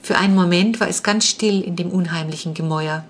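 A woman's voice: fairly low pitch, a little fast. Woman narrating a suspenseful story. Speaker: audiobook narrator. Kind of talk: scripted narration.

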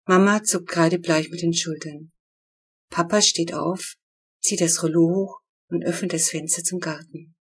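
A woman reading her own children's book aloud in lively storyteller narration. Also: on the low side, unhurried, breathy edge. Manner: lively storytelling, voicing the characters.

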